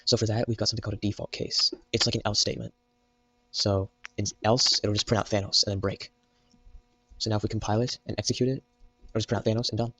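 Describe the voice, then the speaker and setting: A man's voice: lowish voice, little pitch movement, fast, pushed and bright, no room sound, low-quality recording. A young man giving a casual, joke-filled programming tutorial while typing at his computer. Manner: jokey, meme-filled explaining. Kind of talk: casual screen-recorded coding tutorial.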